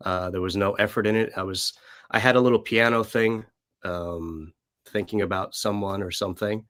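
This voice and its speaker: Hoarse man in his late thirties, low-pitched. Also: fairly even intonation, normal speed, fairly bright tone, no room sound, clean studio sound. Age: late 30s. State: voice worn out from gigging. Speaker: musician guest. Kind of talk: casual interview chat.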